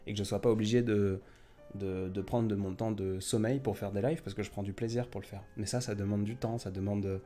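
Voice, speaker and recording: A man's voice: on the low side, steady tone, brisk, mellow, faint music behind. A man hosting a casual late-night live stream, chatting in a rambling way with many fillers and restarts.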